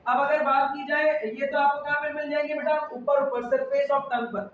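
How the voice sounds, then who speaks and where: A man's voice: very high-pitched, flat delivery, normal speed, recorded from a distance, slight background noise. A male biology teacher, giving a classroom lecture and quizzing students with repeated questions. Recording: echoey lo-fi room recording from afar.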